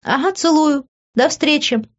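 A woman's voice: on the high side, big pitch swings, normal speed, muffled recording, pitched above the performer's own voice. A woman reading an audiobook, voicing a sassy young woman in a raised, playful voice. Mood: teasing. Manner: bright, playful, mocking.

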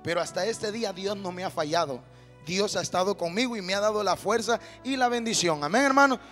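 A male pastor delivers a sermon from a church pulpit. His voice sits very high and rings bright and forceful, swelling into shouted calls and amens. Soft music plays faintly behind him. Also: brisk. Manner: preaching with rising shouts, call-and-response amens.

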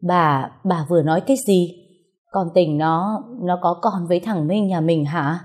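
A woman's voice: lowish voice, animated, normal speed. A woman reading the lines of a shocked, hot-tempered older husband in a storybook tale. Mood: outraged. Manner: shocked, loud.

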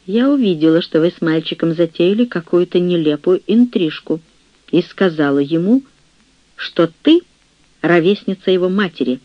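A woman's voice: on the low side, lively intonation, moderate pace, no room sound, lo-fi sound, lightly acted. Man doing a scornful, bitter old baroness. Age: older. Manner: harsh, bitter scolding. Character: fierce old aristocratic aunt, scornful and angry.

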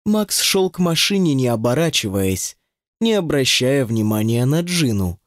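Male narrator for a novel audiobook: lively, expressive storytelling, dry studio sound. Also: mid-range voice, measured pace, dry recording. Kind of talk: scripted narration.

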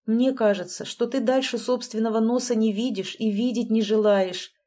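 A woman's voice: a little high, fairly even intonation, moderate pace, dark tone, lightly acted. A woman reading a blunt, probing woman friend.

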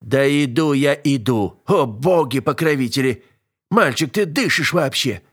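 A man voicing a fussy but caring older servant woman in an audiobook. She scolds and exclaims one moment and comforts gently the next. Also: mid-range voice, animated, a little slow, slightly rough, pitched above the performer's own voice, full character voice. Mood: fussing. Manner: scolding yet tender, exclaiming. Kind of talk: audiobook character voice.

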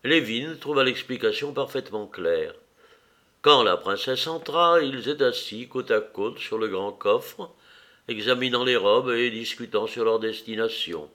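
Slow, measured male audiobook narrator. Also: medium pitch. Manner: measured, expressive reading. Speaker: audiobook reader.

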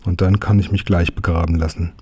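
A man voicing an earnest, polite young boy, in a low, husky voice. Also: fairly even intonation, brisk, darkish tone. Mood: worried.

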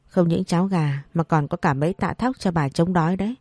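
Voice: mid-range voice, fairly quick, darkish tone, dry recording, clean studio sound, lightly acted. Narrator doing a crafty bossy peasant husband. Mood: scheming. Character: sly peasant thief husband, man.

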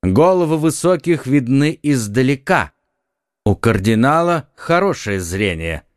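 A man voicing a quick-witted young swordsman in an audiobook, urgent and commanding. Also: mid-range voice, big pitch swings, clear, resonant tone, no room sound, clean studio sound, voice pushed up.

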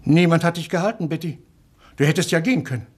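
A man's voice: a little high, fast talker, slightly rough. A proud, pedantic older man. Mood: stubborn. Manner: pedantic, condescending. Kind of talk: 1960s radio play acting.

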